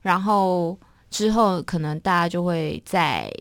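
A young woman with a Taiwanese accent chatting casually as a podcast co-host, telling stories in an animated way and acting out what people said. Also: on the low side, unhurried. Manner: animated storyteller with sound effects and acted-out quotes. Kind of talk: casual chat, telling ghost stories and anecdotes.

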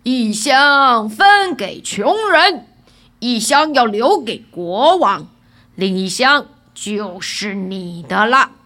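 A woman voicing a huge old bearded male demon who roars out drawn-out threats in a storybook tale. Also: fairly high pitch, lively intonation, bright, forceful tone, full character voice. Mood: grand.

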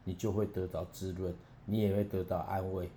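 A man, a minister speaking in a slow prayerful, sermon-like way with soft drawn-out particles. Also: low-pitched, flat delivery. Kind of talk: prayerful talk. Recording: roomy with faint hum.

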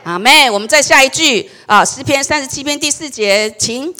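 A woman's voice: high voice, normal speed. A woman pastor giving a sermon, leading the congregation in reading verses aloud and telling jokes in Taiwanese Mandarin. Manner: animated, tells jokes and leads the congregation in call-and-response.

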